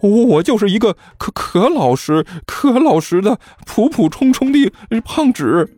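A man's voice: sits high, very animated, a little slow, warm tone, no room sound, soft background music, pitched above the performer's own voice, exaggerated voice. A man voicing a chubby teenage boy who stammers and blusters in an audiobook. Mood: blustering. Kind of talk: audiobook character voice.

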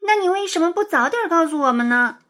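A woman puts on an earnest little schoolgirl for a children's storybook. Her voice is high and pleading, with lots of rise and fall. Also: sing-song, normal speed, fairly bright tone. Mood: plaintive. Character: little girl pupil, earnest and plaintive.

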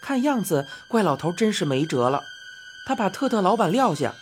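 Woman narrating a storybook, expressive, lively pitch, lowish voice, faint music underneath. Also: normal speed. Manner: lively, expressive first-person telling.

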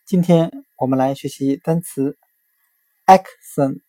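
A woman's voice: deep voice, mellow, dry recording. A woman teaching English vocabulary, spelling words out letter by letter. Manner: slow, deliberate spelling out letter by letter. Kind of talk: vocabulary lesson.

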